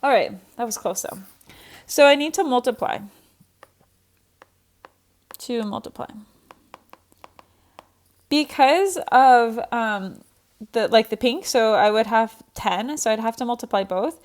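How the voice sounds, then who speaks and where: A woman's voice: a little high, slow pace, long pauses. A young woman teaching an online math lesson, chatty and self-deprecating as she thinks aloud.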